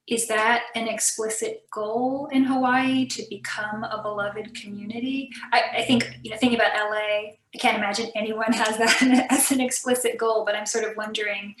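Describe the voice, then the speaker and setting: Forties woman scientist, casual panel talk, monotone, echo around her. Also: medium pitch. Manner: casual, uses "like" and "I mean". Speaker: researcher, panelist. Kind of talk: panel discussion.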